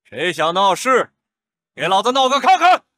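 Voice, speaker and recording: A man's voice: sits high, big pitch swings, normal speed, fairly bright tone, no room sound. An actor playing a hot-tempered male gambling-house boss in a costume TV drama, barking orders with swagger. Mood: menacing.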